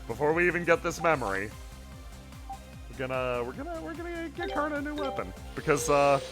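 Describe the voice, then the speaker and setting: A man's voice: a little high, very animated, fairly quick, music in the background. A man streaming a game, joking around and reading the dialogue aloud in playful voices. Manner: playful, jokey, does voices. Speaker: let's play streamer.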